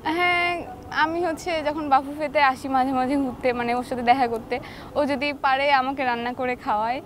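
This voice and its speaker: A young woman, a boxer guest telling lively stories in a casual interview. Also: high voice, normal speed, slight background noise. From Bangladesh. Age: young adult.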